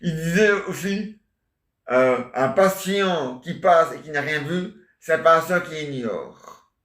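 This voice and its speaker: A man's voice: fairly high pitch, lively intonation, slow pace, a bit bright. Rambling joking man in an echoey room. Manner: meandering, jokey, filler-heavy. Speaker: vlogger.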